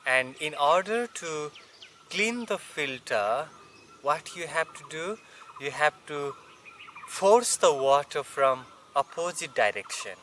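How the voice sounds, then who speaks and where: Male yoga instructor, non-native English, bright forceful tone, unhurried and halting delivery, explaining off the cuff. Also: a little high, animated, a little hiss or hum. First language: not English. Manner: halting, searching for words. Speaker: yoga teacher.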